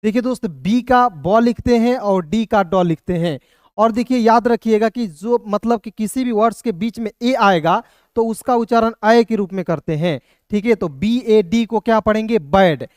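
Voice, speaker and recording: Smooth-voiced man teaching step by step. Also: high-pitched, darkish tone, no echo, studio quality. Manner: keeps asking the viewers quick check questions and answering them himself; patient, repetitive step-by-step explaining. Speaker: English teacher. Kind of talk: explanatory video lesson.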